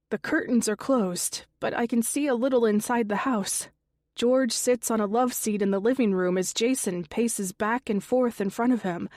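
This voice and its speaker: A woman narrating a first-person thriller audiobook in a measured, tense way on a close studio mic. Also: mid-range voice, a little mellow, no room sound.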